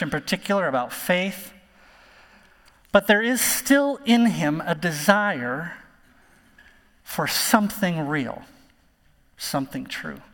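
A man's voice: high voice, a bit bright. A pastor preaching a conversational sermon to his congregation, often repeating a word as he starts a thought. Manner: informal, repeats words when starting sentences. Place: large church sanctuary. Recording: long hall reverb of a live sermon.

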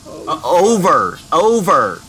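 A man playing a tabletop role-playing game, halting and stammering as he improvises and narrates. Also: fairly high pitch, huge pitch swings, pushed and bright, a little hiss or hum, low-quality recording. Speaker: tabletop role-play player.

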